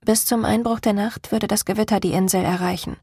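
Female audiobook narrator, steady first-person storytelling, dry close sound, raspy edge. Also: mid-range voice, fairly quick, dry recording.

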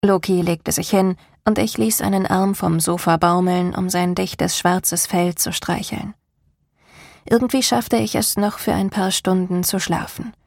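Husky-voiced woman reading a novel. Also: lowish voice, fairly even intonation, a little slow, a little mellow, dry recording, studio quality. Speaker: audiobook narrator. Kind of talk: first-person novel narration.

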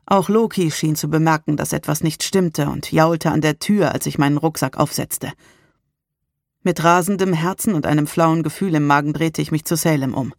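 A tense, dramatic first-person audiobook narration at a middle pitch. It is read close to the mic in a dry booth with no room sound. The delivery is steady and scripted. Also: moderate pace, creaky, no room sound.

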